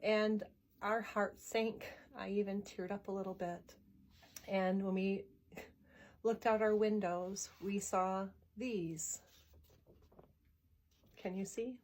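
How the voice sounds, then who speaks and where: A woman's voice: mid-range voice, darkish tone, husky. A woman in her thirties, a mother, telling an earnest, emotional personal story to camera and quoting her family as she goes. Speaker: vlogger, mother.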